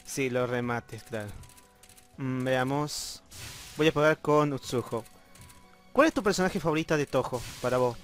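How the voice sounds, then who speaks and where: An Argentine man hosting a casual chat while playing a fighting game, bursting into loud excited yelps. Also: mid-range voice, measured pace, long pauses. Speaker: channel host, gamer. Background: game music.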